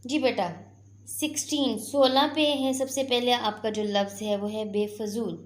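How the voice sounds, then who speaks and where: A woman's voice: on the high side, measured pace, echoey room. A woman teaching a class, patiently explaining and asking her students questions. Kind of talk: classroom lesson.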